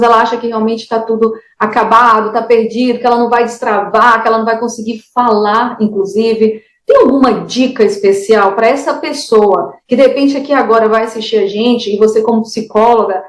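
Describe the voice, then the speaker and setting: A woman's voice: on the high side, reverberant. A woman interviewer telling a personal story earnestly and often addressing the guest by name before asking questions. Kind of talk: conversational interview.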